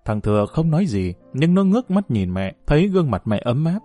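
A man narrating an audiobook novel in a steady storytelling manner. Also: on the high side, brisk, faint music behind.

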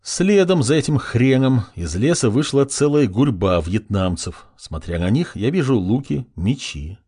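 Male audiobook reader, husky tone, lively pitch, wry first-person delivery. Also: measured pace. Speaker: audiobook narrator.

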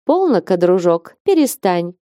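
A woman reading an audiobook and voicing a lively, teasing young woman in love, who coaxes tenderly and can turn fierce. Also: lowish voice, unhurried, no echo, clean studio sound. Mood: coaxing. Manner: coaxing and affectionate, then fierce.

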